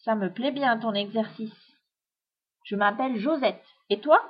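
A woman's voice: fairly high pitch, unhurried, slightly rough. A woman voicing a small, friendly, curious female mouse in a storybook reading, on a dull lo-fi recording. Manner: chirpy, eager questions.

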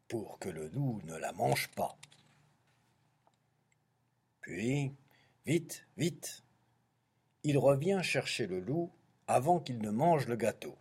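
A man's voice: mid-range voice, warm tone, husky. A man reading a children's story aloud, playful and full of teasing asides.

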